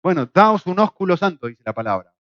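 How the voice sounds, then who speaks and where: A middle-aged man from Argentina with an Argentine Spanish accent, teaching a Bible class in a lively way, with rhetorical questions and jokes. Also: high voice, fairly quick, no echo. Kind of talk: church class lecture. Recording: dull, lo-fi, dry sound.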